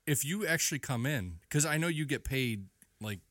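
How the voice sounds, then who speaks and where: A man's voice: medium pitch, lively intonation, moderate pace, fairly bright tone, no room sound, studio quality. A man on a podcast panel in casual chat, asking questions and thinking aloud.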